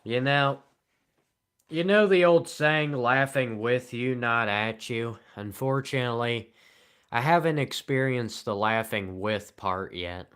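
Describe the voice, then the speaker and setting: Replying to chat during a live stream, a man stays flat, sarcastic and deadpan, with long gaps between his comments. He speaks at a medium pitch in a smooth voice.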